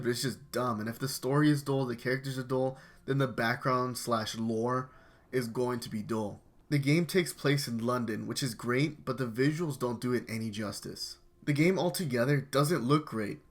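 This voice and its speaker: A young man narrates a scripted video game review. He talks in a dry, dismissive way about what he dislikes. His voice sits at an ordinary middle pitch.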